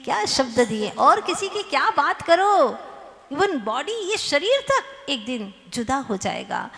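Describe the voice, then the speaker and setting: A woman nun preaches a sermon in a high, gravelly voice, at a slow, deliberate pace. She speaks earnestly and tells stories full of rhetorical questions. Her voice rings through a long, echoing hall. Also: huge pitch swings, fairly bright tone.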